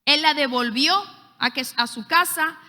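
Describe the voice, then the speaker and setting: A woman's voice: sits high, a little slow. A woman, teaching at a church leadership school and telling stories with frequent hesitations. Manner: lively storyteller, frequent hesitations. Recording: echoey hall.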